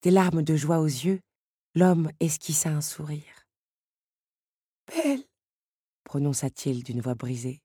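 A woman narrating a novel chapter as an audiobook, calm and measured. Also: deep voice, breathy edge, no room sound, studio quality.

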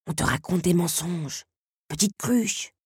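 Female reader as a scolding male beetle, sharp and commanding, dry sound. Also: on the low side, expressive, measured pace, breathy edge, dry recording, heavily acted.

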